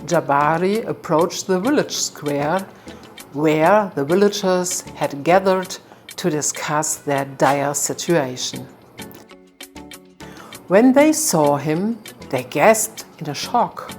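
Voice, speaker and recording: A woman tells a folktale in a calm, measured way, her voice sitting low and unhurried. Soft music plays faintly beneath her narration. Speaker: storyteller.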